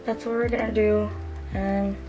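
Young woman vlogger with a hoarse voice. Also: mid-range voice, level tone, normal speed, music in the background. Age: young adult. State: voice partly gone after a party. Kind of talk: casual chat to camera. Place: small bedroom, indoors. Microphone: camera at arm's length.

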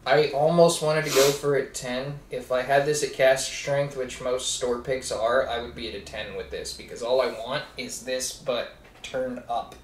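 A man's voice: mid-range voice, steady tone, normal speed, a little hiss or hum. A man co-hosting a casual whiskey tasting chat, rambling and laughing often as he restarts his sentences. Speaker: co-host of a whiskey review channel. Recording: echoey room, mic at a distance.

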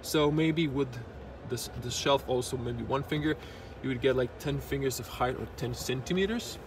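A man's voice: medium pitch, moderate pace. A man walking around a car at an auto show, pointing out its details in a plain, matter-of-fact way, filmed on a handheld camera. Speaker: car reviewer. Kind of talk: walkaround car review. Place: indoor auto show hall. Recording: noisy auto show floor.

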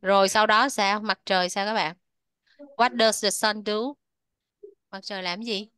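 A woman teaching English to children, switching between two languages and repeating words slowly so the class can echo them. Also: mid-range voice, steady tone, pushed and bright, smooth.

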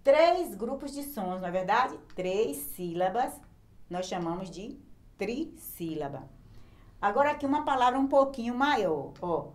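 Slow, patient Brazilian woman teacher. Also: on the high side, lively intonation, a little mellow. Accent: Brazilian Portuguese. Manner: slow, patient, syllable-by-syllable explaining. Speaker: primary school teacher. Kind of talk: remote classroom lesson.

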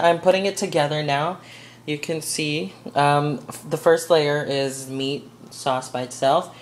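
Slow, low-voiced young woman vlogging. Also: a little hiss or hum. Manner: chatty, rambling, giggly. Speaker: cooking vlogger. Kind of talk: casual cooking vlog. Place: home kitchen.

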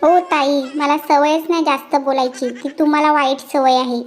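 Squeaky cartoon housewife, cheeky, mocking comebacks, played by a voice actor. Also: female voice, steady tone, normal speed. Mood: sarcastic. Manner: mocking, sarcastic retorts. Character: cheeky sarcastic village housewife. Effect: high pitch-shifted cartoon voice.

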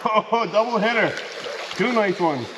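A middle-aged man, calling out excitedly while wading and fly fishing in a river, heard from a camera on the shore. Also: sits high, a little slow, background noise. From Newfoundland, Canada. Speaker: fishing video maker. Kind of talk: casual outdoor commentary.

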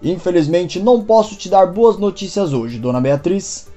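A woman's voice: lowish voice, animated, mellow, faint music behind, close to an everyday voice. Woman reading as a grave hospital doctor. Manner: formal, measured bad-news delivery.

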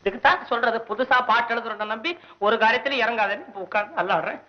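A man playing a poor, fretful temple poet in a 1960s Tamil film, whiny and sarcastic, complaining and talking to himself. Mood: bickering. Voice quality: whiny, high and quick-tempered. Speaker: comic lead in a devotional film. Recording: dull old film soundtrack.

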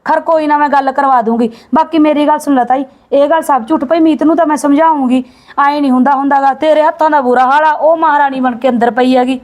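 A blunt, bossy young village woman, played by a woman in a homemade family drama. She talks quickly in a high voice, scolding and insistent. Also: steady tone, a little mellow, close to an everyday voice.

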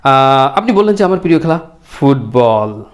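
A male English teacher giving an online lesson, addressing the viewers directly and stretching out the model sentences slowly. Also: mid-range voice, very animated. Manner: slow, drawn-out model sentences.

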